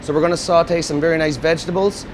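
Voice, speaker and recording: Male executive chef, slightly high voice, lapel mic in a noisy restaurant kitchen. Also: fast talker. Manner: steady instructive step-by-step explaining. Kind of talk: cooking demonstration. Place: restaurant kitchen at a gas range.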